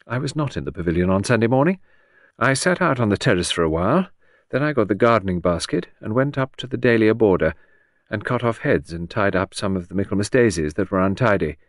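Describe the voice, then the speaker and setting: A man's voice: fairly low pitch, lively intonation, a little fast, dry recording, clean studio sound. A man voicing a composed young woman under suspicion, cool and lightly mocking, in an audiobook. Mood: defiant. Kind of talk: audiobook character voice.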